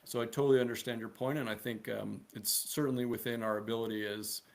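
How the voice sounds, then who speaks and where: A man's voice: medium pitch, steady tone, fast, creaky, darkish tone. Persuasive man in discussion. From United States. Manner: earnest, persuasive, often ends points with "right?". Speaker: guest promoting a political DAO. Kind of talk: casual discussion.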